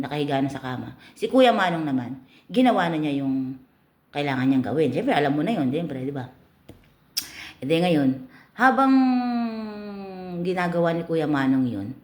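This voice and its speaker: A woman hosts and tells a joke in a relaxed, folksy way, often adding little tag phrases. Her voice sits very low for a woman. The delivery is casual and chatty. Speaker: host telling a joke.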